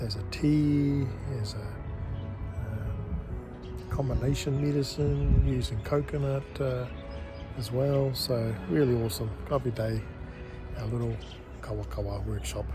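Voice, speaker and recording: New Zealand man chatting over music. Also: mid-range voice. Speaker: workshop organiser presenting a recap. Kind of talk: casual vlog chat to camera. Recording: music behind the voice.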